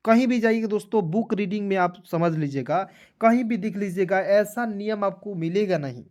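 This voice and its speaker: A man's voice: high voice, darkish tone. A man giving a spoken online lesson on English pronunciation. He spells words out letter by letter and keeps checking in with his viewers as friends. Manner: addresses viewers as friends, with frequent filler checks; spells letters out slowly one by one.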